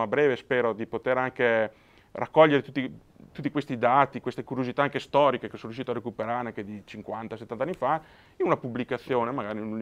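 A man's voice: mid-range voice, highs cut off. A man, chatting as an interview guest and hesitantly repeating words as he goes. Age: 30s. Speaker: guest, amateur weather forecaster. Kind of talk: casual interview chat. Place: small TV studio.

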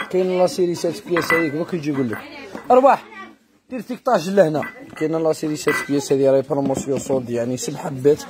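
A man with an Algerian Arabic accent doing rapid sales patter in a housewares shop, calling out prices and speaking straight to customers. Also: medium pitch, warm tone. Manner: calls out prices and addresses customers directly. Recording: crowded shop noise.

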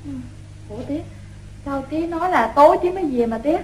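An obedient young rural daughter with a Southern Vietnamese accent, as in an old radio play. Her voice is very high, and she answers in short, dutiful replies. The sound is roomy and echoey. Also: lively intonation, quick pace.

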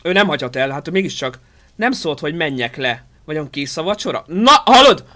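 A man streaming a game live, chatting excitably with his viewers, reacting aloud and thanking supporters. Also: on the high side.

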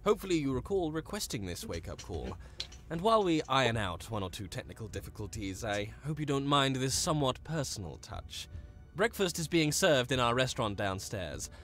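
Polite hotel concierge. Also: male voice, mid-range voice, very animated, brisk, fairly bright tone, faint music behind. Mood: courteous. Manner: courteous, formal.

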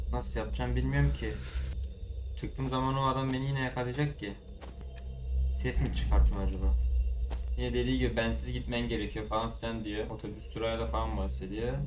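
Teen male gaming commentator, chatty and excitable, talks to his viewers, game music underneath. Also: mid-range voice, brisk, pauses often. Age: late teens. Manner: excitable, swears, shouts at the game. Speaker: gaming YouTuber. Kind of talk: let's play commentary.

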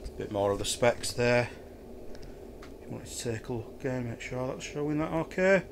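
A middle-aged Yorkshireman, from Yorkshire, England, casually reviews a camping chair in his home kitchen, thinking aloud and hesitating with lots of ums. His mid-range voice is expressive at a normal speed, with a noisy background, picked up by a camera a few feet away.

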